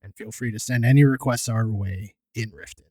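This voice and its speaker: A man's voice: on the low side, a little fast, a little mellow, breathy edge, no echo. A man voicing a proud male Nord fighters guild warrior, speaking in an earnest, businesslike way.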